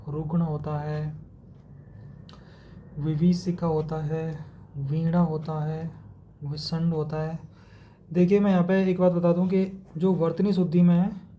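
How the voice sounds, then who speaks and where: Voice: medium pitch, warm tone, a little hiss or hum. A teacher giving an exam-prep spelling lesson, methodically contrasting wrong and right word forms and mixing in English words. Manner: mixes English words into Hindi explanation.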